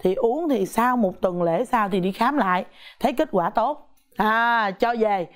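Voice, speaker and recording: A woman's voice: a little high, unhurried. A young woman, animatedly telling a story on a talk show, acting out voices and laughing often. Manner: lively, laughs often, acts out quoted voices. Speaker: guest mother telling her birth story.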